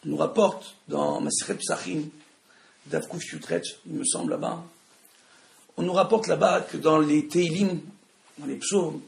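Loud, gravelly-voiced man teaching. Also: on the high side, expressive, measured pace. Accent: Tunisian French. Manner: loud, emphatic, asks the audience questions. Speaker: Torah teacher. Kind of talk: religious study lesson. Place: room with an audience. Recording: echoey room.

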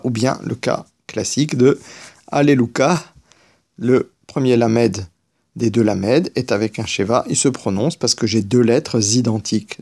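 Slow gravelly-voiced man teaching. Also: medium pitch, darkish tone. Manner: slow, patient explaining, chants verses in a drawn-out sing-song. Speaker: teacher of Torah reading. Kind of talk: recorded lesson on Hebrew reading and cantillation.

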